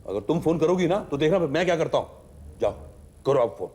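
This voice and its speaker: An actor playing a greedy, scheming young husband in a TV serial drama, probing and defensive. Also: male voice, fairly high pitch, lively intonation, brisk, slightly rough. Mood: angry. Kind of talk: TV serial acting. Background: loud background music score.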